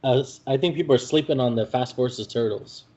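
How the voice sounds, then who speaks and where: A man co-hosts a casual podcast about a tabletop game, adding quick agreement and short anecdotes. His voice sits at an ordinary pitch, with a slightly dull lo-fi sound. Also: darkish tone. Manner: short agreeing interjections, chatty storytelling. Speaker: podcast co-host.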